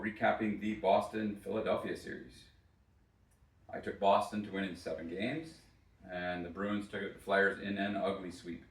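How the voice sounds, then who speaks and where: A hungover man hosting a casual sports podcast solo, talking in a halting, hesitant way. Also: sits low. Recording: roomy echo, distant from mic.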